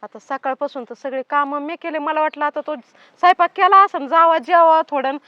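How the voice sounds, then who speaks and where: A meek, exhausted mother-in-law, played by a woman in a family drama. She speaks fairly high and softly, pleading more than arguing. The sound is slightly dull. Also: fairly even intonation, a little fast, close to an everyday voice. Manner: pleading, tired, soft-spoken. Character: weary, meek older village mother-in-law. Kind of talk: village family drama acting.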